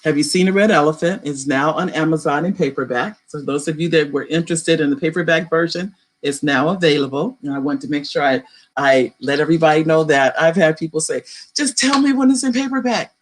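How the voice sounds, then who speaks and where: A woman's voice: low-pitched, a little fast. A woman hosting a talk show, effusive and gracious as she thanks her guest and her viewers.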